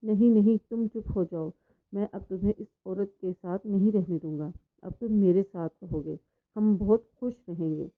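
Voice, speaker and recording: A woman's voice: medium pitch, lightly acted. A woman voicing a grieving, lonely young man who talks in an emotional, pleading way; the sound is tinny and phone-like. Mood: distraught.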